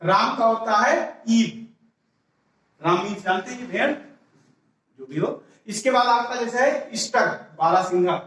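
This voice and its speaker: A man's voice: high voice, a bit bright. A male teacher explaining English grammar to a class step by step, repeating words and asking rhetorical questions. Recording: echoey room, voice from far off.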